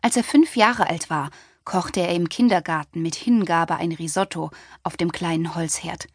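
A woman narrating a contemporary novel in the first person, with a wry, lively storytelling manner, recorded on a studio microphone. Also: lowish voice, normal speed, dry recording. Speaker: audiobook narrator.

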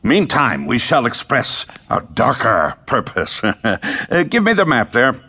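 A man's voice: medium pitch, wildly swooping pitch, unhurried, bright, forceful tone, a little hiss or hum, full character voice. An actor playing an old king, grand and commanding yet doting, in a theatrical Shakespearean audio drama. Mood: regal, amused. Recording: long hall-like reverb.

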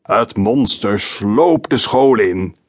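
A man voicing a schoolteacher who tells a monster story to children in a slow, creaking spooky voice. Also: fairly low pitch, expressive, no room sound. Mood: creepy. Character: teacher telling a monster tale in a creaking spooky voice.

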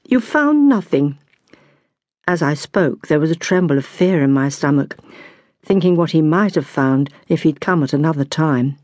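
Audiobook narrator, woman, measured and reflective, dry close studio sound. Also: low voice, darkish tone, no echo. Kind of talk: scripted first-person narration.

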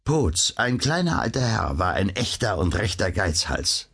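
A man reads a classic tale aloud with dramatic storytelling. His voice is low and husky, and his pitch moves in wide, lively swings across each sentence. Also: a little slow. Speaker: audiobook narrator. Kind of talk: scripted narration.

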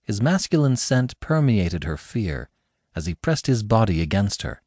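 A man narrating a romance audiobook in an expressive, dramatic storytelling manner. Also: fairly low pitch, measured pace, husky, no room sound, studio quality.

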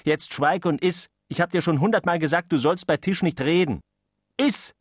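Ein Mann spricht in einer Hörbuchlesung eine strenge Mutter, die ihr Kind bei Tisch scharf zurechtweist. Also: male voice, a little high, normal speed, slightly rough, no echo, clean studio sound, voice pushed up. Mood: scolding. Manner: sharp, scolding. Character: strict, scolding mother.

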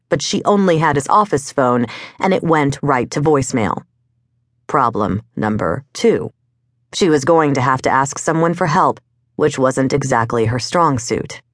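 A woman reading a romance novel aloud as an audiobook narrator, in a measured, wry storytelling voice. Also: deep voice, no room sound, studio quality. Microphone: studio microphone.

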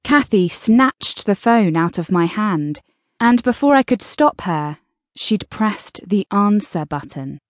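A woman reads a first-person story in a dry, wry manner. Her delivery is slow and unhurried, with a lively pitch that moves freely. The studio sound is close and dry. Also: no echo. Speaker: audiobook narrator. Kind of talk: first-person scripted narration.

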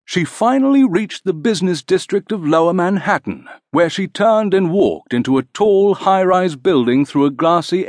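A man narrates a storybook, his tone rising and falling with expression. He reads slowly and deliberately, in a voice a little higher than usual. The recording is close and dry. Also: dry recording. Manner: slow, expressive. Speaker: audiobook narrator.

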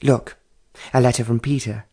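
A man's voice: mid-range voice, fairly even intonation, moderate pace, a little mellow, breathy edge. A man voicing a pretty young society woman who is dreamy and lovestruck, talking in a gushing, sighing way.

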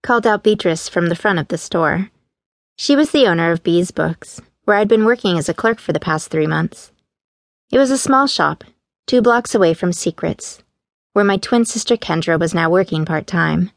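A woman narrating a young adult fantasy audiobook in first person, plain and even. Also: fairly low pitch, moderate pace, vocal fry, dry recording, studio quality. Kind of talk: scripted narration. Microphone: studio mic, dry booth.

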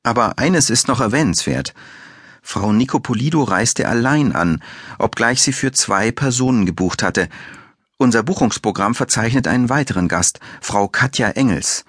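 A man's voice: medium pitch, expressive, moderate pace, fairly bright tone, husky, dry recording, studio quality. A man playing a middle-aged hotel director who talks in a formal, slightly annoyed way, in an audiobook.

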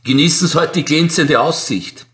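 A man voicing a bossy, self-satisfied male postmaster who scolds loudly. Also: on the high side, normal speed, pitched above the performer's own voice, natural voice. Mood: scolding, mocking. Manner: loud, scolding.

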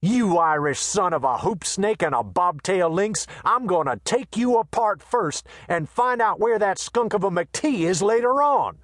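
A man putting on a loud, blustering big western saloon man. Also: high-pitched, animated, measured pace, hardly any pauses, no room sound, clean studio sound, pitched above the performer's own voice. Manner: brash, boastful threats.

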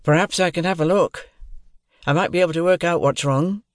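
A kindly young miner in his twenties, easygoing and reassuring, his voice a touch higher than usual, as a storyteller plays him. It is recorded close and dry. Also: a little fast, dry recording, lightly acted.

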